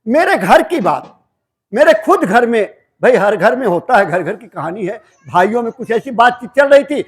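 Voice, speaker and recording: Guy with a really high voice preaching, chatty storytelling sermon, acts out the bits. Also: sing-song, moderate pace, breathy edge. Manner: colloquial, acts out dialogue in folksy parables. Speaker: satsang speaker.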